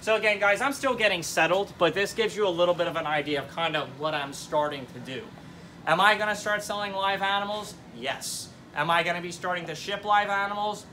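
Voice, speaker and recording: Young male tour host, slightly high, forceful bright voice, informal and enthusiastic, indoor showroom with background noise. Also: fairly quick. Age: young adult. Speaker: host giving a shop tour. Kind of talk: casual informal tour narration. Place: indoor showroom full of terrariums. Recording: clear background noise, terrarium room ambience.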